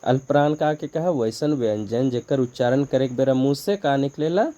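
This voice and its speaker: Male teacher, Nagpuri accent, mellow and slightly high voice, methodical question-and-answer delivery, lo-fi recording. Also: moderate pace. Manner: explains step by step, asks and answers his own questions. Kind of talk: exam-prep grammar lesson.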